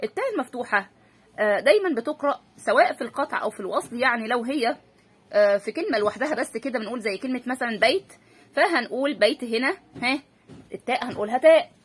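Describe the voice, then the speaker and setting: A woman's voice: on the high side, expressive, very fast, breathy edge. A woman teacher with an Egyptian accent, giving a patient spelling lesson for children and asking and answering her own questions. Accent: Egyptian Arabic.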